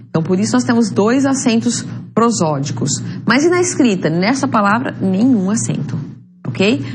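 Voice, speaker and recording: A woman teaching a language lesson, explaining step by step, checking in with "ok?", and drawing out example words slowly. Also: fairly high pitch. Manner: switches between Portuguese and Spanish, stretches out example words. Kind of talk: recorded classroom lesson.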